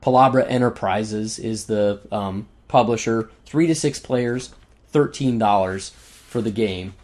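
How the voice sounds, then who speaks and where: A man in relaxed podcast chat, rattling off game facts between "um"s and easy laughs. His voice is a little worn, as if he is losing it. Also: fairly low pitch, measured pace. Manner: enthusiastic, laughs often, lists game facts with fillers. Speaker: podcast co-host reviewing board games. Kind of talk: casual chat.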